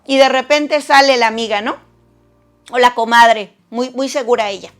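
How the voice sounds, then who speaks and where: A woman giving a conversational sermon to women, animated and talkative, acting out the voices of people she quotes. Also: fairly high pitch, normal speed.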